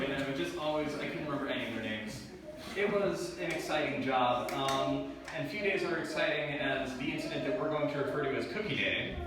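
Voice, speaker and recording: A young man telling stories in a first stand-up set, with playful voiced asides, recorded live before an audience. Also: a little high. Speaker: stand-up comedian. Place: live comedy venue with audience. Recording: distant roomy live recording, audience noise.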